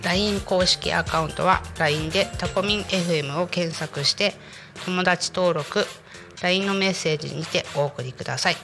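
A woman's voice: on the low side, normal speed. A woman hosting a community radio talk show in a conversational way, her voice nasal and stuffed up from a cold. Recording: music bed behind the voice. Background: music.

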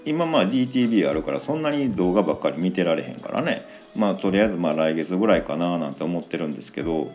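Deep-voiced Kansai man chatting. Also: expressive, rapid-fire, hardly any pauses, a little mellow, faint music behind. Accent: Kansai Japanese. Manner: chatty, rambling, many fillers. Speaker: podcast host. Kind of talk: casual solo chat.

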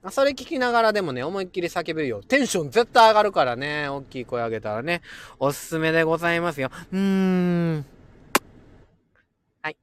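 A man's voice: on the high side, expressive, fast, a bit bright, a little hiss or hum. A man hosting a casual solo livestream, chatting playfully with listeners and laughing often. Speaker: livestream host.

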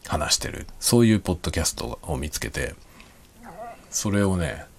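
A man talking quietly and rambling in a late-night solo chat, with soft chuckles and self-deprecating remarks. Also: deep voice, animated, moderate pace, gravelly, slight background noise. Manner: speaks quietly while drinking. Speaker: podcast host.

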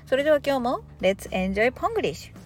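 Lively Japanese woman teaching English. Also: high voice, moderate pace, soft background music. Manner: lively, chatty explaining with casual dialect. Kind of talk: podcast English lesson.

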